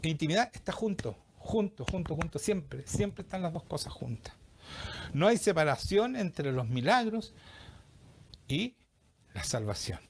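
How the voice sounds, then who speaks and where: A man with a Chilean accent preaching a sermon, animated and often asking the congregation questions. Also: on the high side, a little slow, slight background noise. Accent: Chilean Spanish. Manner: animated, acts out quoted voices, asks the congregation questions.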